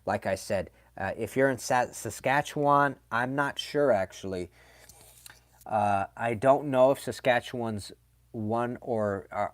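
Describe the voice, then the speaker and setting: A man hosting a casual livestream and answering chat, talking in a chatty, animated way with slangy asides and plenty of fillers. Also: lowish voice, no echo, studio quality.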